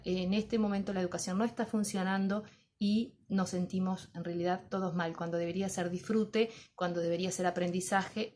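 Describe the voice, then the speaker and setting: A woman's voice: mid-range voice, a little mellow, slight background noise. A middle-aged woman talks to fellow teachers in a loose, thoughtful way. She keeps posing questions to herself and answering them as she guides her listeners. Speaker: teacher trainer.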